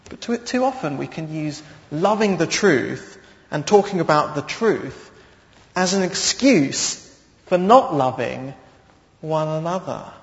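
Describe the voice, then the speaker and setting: A man preaching a sermon to his congregation in a church hall, speaking in a slow, measured way with pauses. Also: on the high side, expressive. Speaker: pastor. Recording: dull audio with long hall reverb.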